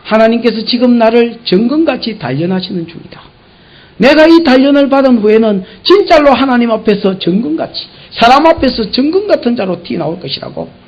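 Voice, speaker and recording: A male pastor with a Gyeongsang Korean accent preaching an expository sermon, swinging from soft to shouting and acting out quarrels in dialect. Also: very high-pitched, expressive, fairly quick, highs cut off.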